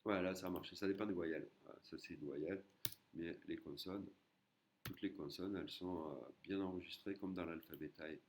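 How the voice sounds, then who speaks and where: A man's voice: deep voice, steady tone, normal speed, noisy background. A man teaching an online language lesson, patiently repeating and breaking words into syllables.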